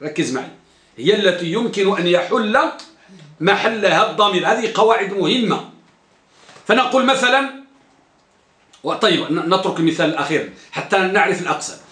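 High, bright male teacher quizzing a class. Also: echoey room. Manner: quizzes students, repeats key terms. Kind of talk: classroom grammar lesson. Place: classroom with students.

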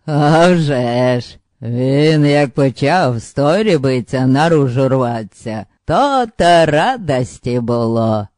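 A man's voice: medium pitch, expressive, slow pace, darkish tone, no echo, clean studio sound. A male narrator voicing a folksy older village man who drawls and mixes in Ukrainian words. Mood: wry.

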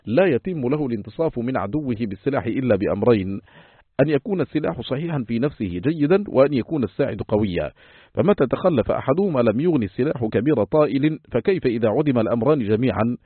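A man reading a classical text aloud as an audiobook, in a formal, measured recitation style. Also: mid-range voice, expressive, no echo. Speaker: audiobook reader. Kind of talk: scripted narration of a classical text. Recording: tinny phone-like, dry, husky.

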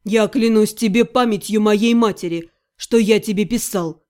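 A woman voicing an earnest young male necromancer who speaks quietly and sincerely. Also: medium pitch, normal speed, voice pushed down, natural voice. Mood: tender, earnest. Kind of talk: audiobook character voice.

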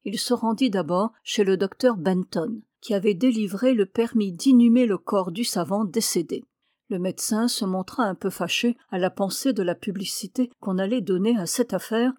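A woman narrates a detective story in a clear, even manner. Her voice sits at a middle pitch and is recorded dry and close, with no room echo. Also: moderate pace. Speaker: audiobook reader.

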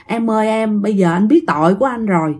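A woman's voice: medium pitch, quick pace, darkish tone, natural voice. Woman doing a begging sweet-talking husband. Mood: wheedling. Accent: Southern Vietnamese. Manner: begging, wheedling. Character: pleading guilty young husband, sweet-talking.

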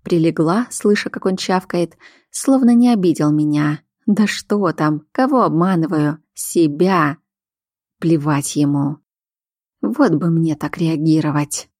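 A woman narrates a first-person audiobook in a weary, wry tone. Her voice sits on the low side. The recording is close and dry. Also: unhurried, darkish tone, dry recording. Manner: weary, wry inner monologue.

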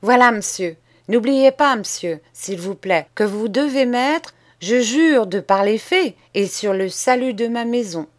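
A woman voicing a calm, defiant young schoolboy who speaks politely but firmly in an audiobook. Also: a little high, measured pace, hardly any pauses. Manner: polite, firm and unyielding. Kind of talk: audiobook character reading.

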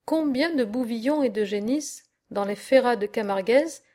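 A woman reading an epic verse tale aloud as an audiobook narrator, in a measured, lyrical manner. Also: fairly high pitch, warm tone. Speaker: audiobook reader. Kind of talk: scripted narration of an epic poem.

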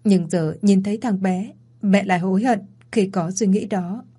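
A woman's voice: mid-range voice, normal speed, dark tone, breathy edge, close to an everyday voice. A woman voicing a weak, dying older mother in a story reading, by turns stern and pleading.

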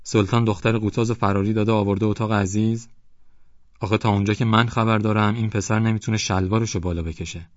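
A man reading an audiobook, voicing a gruff, swaggering male village headman with a husky, sleepy voice and a bossy, boastful manner. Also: lowish voice, steady tone, no echo, muffled recording, lightly acted. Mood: dismissive.

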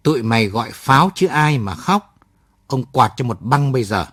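A man voicing a gruff young male soldier who barks his words roughly in a read-aloud story. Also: mid-range voice, expressive, a little slow, no room sound. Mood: harsh. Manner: barking, rough-spoken.

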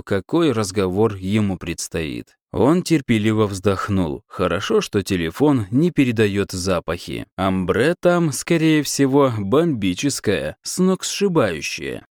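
A man reads a story aloud in a low voice that moves a lot, wry and expressive. The sound is close and dry, with no room around it. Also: no room sound. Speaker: audiobook narrator. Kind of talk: scripted story narration.

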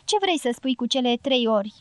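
A woman's voice: on the high side, expressive, no room sound, lightly acted. A woman reading an audiobook voices a shy, earnest young woman asking timid, sincere questions.

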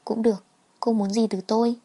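A woman's voice: on the high side, level tone, fairly quick, dark tone, breathy edge. A woman voicing a cold, teasing rich man who speaks in curt, mocking lines.

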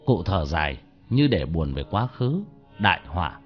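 A man telling a ghost story about a cursed village, with dramatic delivery. His voice rises and falls with a lively, wide range of pitch. Faint music plays behind him. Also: moderate pace, muffled recording. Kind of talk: spoken ghost story narration.

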